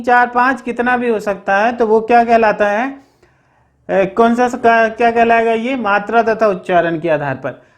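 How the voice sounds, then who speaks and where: Teacher quizzing an unseen class. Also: mid-range voice. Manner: asks the class questions and answers them; repeats check-ins like "okay, remember this". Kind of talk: explaining grammar in a recorded lesson.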